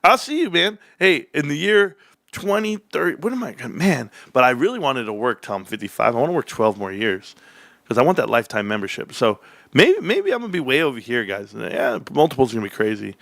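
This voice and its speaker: A man in his forties hosts a casual stock livestream with a gravelly voice, calling viewers bros and guys as he swings from high, hyped bursts to low muttered asides. He talks fairly quickly, and the recording is close and dry with no echo.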